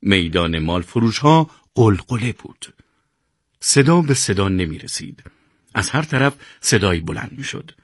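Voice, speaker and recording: A man narrating a serialized radio novel in an expressive storytelling voice. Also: on the low side, dry recording, studio quality. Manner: expressive storytelling, greets listeners. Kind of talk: scripted narration.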